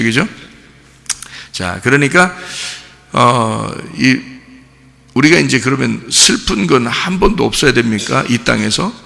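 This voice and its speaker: A man's voice: medium pitch, vocal fry, bright, forceful tone, big-room sound. A male pastor preaching a sermon with emphasis, often putting questions to the congregation.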